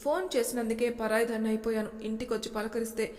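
A woman's voice: on the high side, level tone, quick pace, a little mellow, roomy sound, in a large hall, close to an everyday voice. A woman voicing a tearful, hurt young wife who pleads emotionally, in a storybook reading. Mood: sad.

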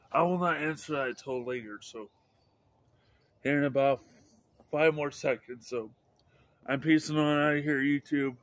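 Outside a house beneath overcast skies, a middle-aged Idaho man vlogs with a phone held at arm's length. His medium-pitched voice is slow and halting, full of repeats and restarts, yet upbeat in this rambling, casual video.

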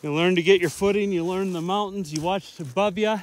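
A man's voice: high voice, brisk. A man, live-streaming a hike in an upbeat, chatty way, filmed on a phone held out at arm's length on an open mountain slope. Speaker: vlogger and hiking dad. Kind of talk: live-stream hiking vlog.

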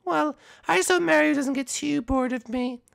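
A man's voice: very high-pitched, normal speed, gravelly, fairly bright tone, no room sound, clean studio sound, voice pushed up, full character voice. A man voicing an anxious young princess in a game roleplay, girlish and fretful about her boyfriend. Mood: worried.

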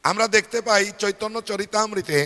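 Bengali preacher with a high, bright voice. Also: male voice, steady tone, moderate pace. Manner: call-and-response, has the crowd repeat after him; rhetorical questions to the audience. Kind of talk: devotional sermon to a gathering. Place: large hall at a devotional fair. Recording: long hall reverb.

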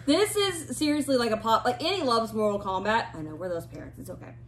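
A woman's voice: on the high side, animated, quick pace, a bit bright, slight background noise. A woman in her thirties hosting a casual family unboxing chat at home, laughing often and talking over her kids. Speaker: family channel host. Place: home room with collectibles shelves, indoors. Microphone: fixed camera across a table.

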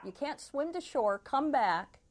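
A woman's voice: sits high, a little slow. A woman heading an advocacy group, speaking emphatically in an interview. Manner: emphatic, animated. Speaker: head of an advocacy website.

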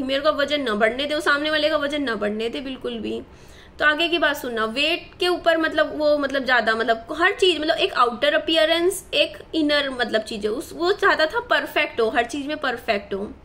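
Chatty high-voiced woman storyteller. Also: a bit bright, slight background noise. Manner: chatty, full of fillers and self-corrections. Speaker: vlogger. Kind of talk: casual storytelling to viewers.

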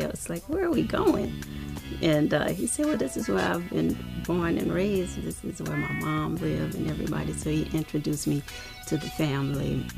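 Nail tech, forties, low gravelly voice, conversational recounting, music under. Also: female voice. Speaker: nail technician. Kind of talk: documentary interview. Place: indoor room, seated in armchair.

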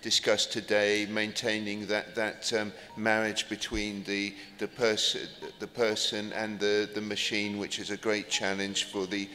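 Brief: middle-aged male moderator, low and monotone, halting closing remarks, hall reverb. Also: faint music behind. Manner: halting, with ums and restarts. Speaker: panel moderator. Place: large conference hall. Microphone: table microphone. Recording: reverberant hall, faint noise.

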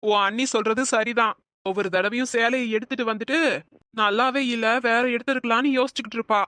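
A woman voicing a gentle, caring young man in a Tamil cartoon, soothing and reassuring in manner. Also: a little high, fairly even intonation, fast, no room sound, studio quality. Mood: warm.

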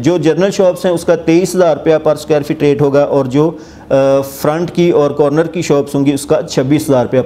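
A man in his forties with a Pakistani Urdu accent hosts a property channel from an office, explaining a project's rates to camera with frequent pauses. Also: a little high. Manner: hesitant, many filler sounds, steady explanatory tone; seated, gesturing with hands while reading notes. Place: indoor office with armchair. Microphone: lapel mic.

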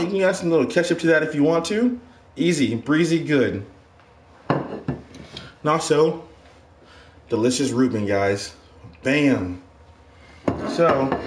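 A middle-aged man from Ohio hosting a casual home cooking show, chatty and upbeat, calling his viewers guys, filmed by a far camera in a kitchen. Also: mid-range voice. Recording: echoey kitchen with music behind.

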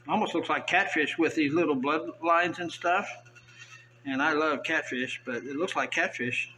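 A man's voice: fairly high pitch, moderate pace, a little hiss or hum, low-quality recording. An older man from the South, chatting casually as he fillets fish at a tiled kitchen counter, recorded on the camera mic. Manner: relaxed, chatty, thinking aloud while filleting fish. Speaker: vlogger. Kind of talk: casual how-to narration.

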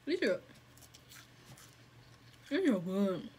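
A woman's voice: mid-range voice, very animated, very slow, mellow. A woman chatting casually through a mukbang vlog, talking while she eats with her mouth full. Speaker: food vlogger. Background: faint fan hum.

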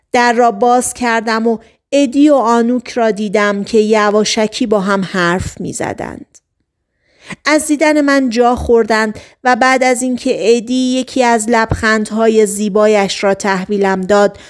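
A woman reading an audiobook novel aloud in a calm, measured storytelling manner. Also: on the high side. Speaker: audiobook narrator. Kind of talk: scripted audiobook narration.

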